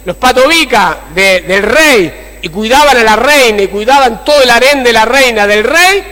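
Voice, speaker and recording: High, bright-voiced pastor preaching. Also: male voice, normal speed. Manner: animated, constantly asking the congregation for agreement. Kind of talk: sermon. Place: church. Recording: long church-hall reverb.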